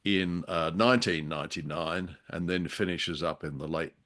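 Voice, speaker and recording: An older man co-hosts a casual podcast chat reviewing an old radio drama, wry, joking, and rather hesitant in delivery. His deep voice has a fairly bright tone at a moderate pace.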